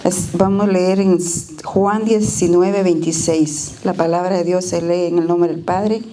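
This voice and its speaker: Mellow-voiced woman giving church testimony. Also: on the low side, fairly even intonation, measured pace, slight background noise. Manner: tender, plainspoken, with frequent hesitations. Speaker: church member giving a reflection. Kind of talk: personal testimony and prayer. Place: church service.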